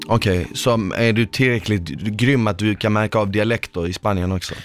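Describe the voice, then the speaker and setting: A man's voice: on the low side, fairly even intonation, no echo, faint music behind. A man hosting a podcast, asking curious questions in loose, casual chat with plenty of swearing. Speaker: podcast host.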